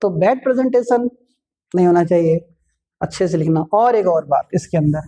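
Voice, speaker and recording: Mellow-voiced man teaching, chatty and repetitive. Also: sits high, expressive, normal speed. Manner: chatty, repeats each point, calls students "bhai", light jokes. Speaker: physics teacher and exam checker. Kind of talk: informal classroom lecture with exam tips.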